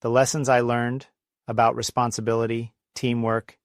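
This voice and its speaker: Middle-aged male storyteller, mid-pitched and level, telling corny dad jokes in a scripted monologue, dry recording. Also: little pitch movement, moderate pace, clear, resonant tone, no echo. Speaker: comedy storyteller and host.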